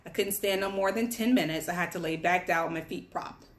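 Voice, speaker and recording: A young woman vlogger from Guyana, pregnant and on bed rest, tells a candid personal story in a casual, chatty way. She sits at a table at home among boxes. Her voice is lowish and brisk.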